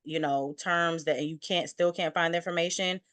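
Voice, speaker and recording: A woman working as an insurance claims adjuster, giving steady advice as an interview guest and often saying "you know". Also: fairly low pitch, moderate pace, no room sound. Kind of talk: interview conversation.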